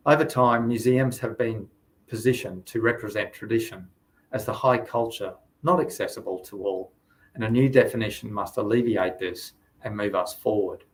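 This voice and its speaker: A man delivering formal, measured prepared remarks in a webinar. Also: fairly low pitch, low-quality recording. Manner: formal, measured, read-out phrasing. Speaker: museum director speaker.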